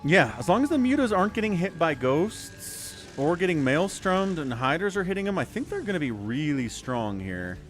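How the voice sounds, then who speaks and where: A man's voice: a little high, very animated, moderate pace, few pauses, faint music behind. A man giving casual, wry livestream commentary on a strategy game, with chatty asides.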